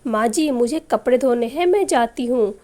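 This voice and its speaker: A woman voicing a patient, dutiful young daughter-in-law who answers calmly and politely in a moral story. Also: a little high, normal speed, natural voice. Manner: calm, polite replies.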